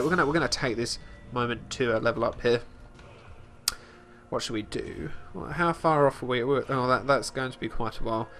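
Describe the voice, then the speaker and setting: A man casually commenting on his gameplay as host, talking about his character in third person with halting restarts and fillers. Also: mid-range voice, a bit bright, a little hiss or hum. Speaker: let's play host.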